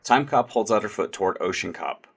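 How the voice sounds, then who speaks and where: A man's voice: fairly low pitch, expressive, a little fast, gravelly, a bit bright, breathy edge. A man giving audio description, reading stage actions in a plain, neutral way.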